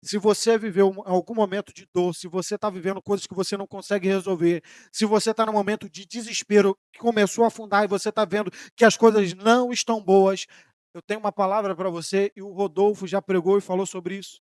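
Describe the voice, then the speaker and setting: A Brazilian man preaching a sermon as pastor, rising in emphatic bursts and then dropping soft, sometimes voicing the questions of his listeners. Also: high voice, fairly even intonation, fast talker, no room sound, clean studio sound. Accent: Brazilian Portuguese. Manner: preaching with emphatic rises and sudden soft drops; voices imagined questions from listeners.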